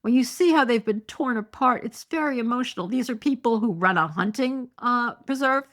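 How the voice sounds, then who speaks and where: A middle-aged woman with a somewhat high, slightly bright voice hosts a podcast by herself at a moderate pace. She reads the news aloud, interjecting sarcastic and indignant asides, uses lots of fillers, and is losing her voice.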